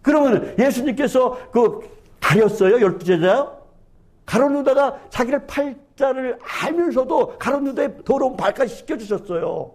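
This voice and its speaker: A male pastor preaches with fervor in a church sanctuary, his voice pitched high for a man. He keeps asking the congregation rhetorical questions and drops in a quick "yes" between phrases. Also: animated, a little mellow. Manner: fervent, asks many rhetorical questions, fills with "yes". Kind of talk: sermon.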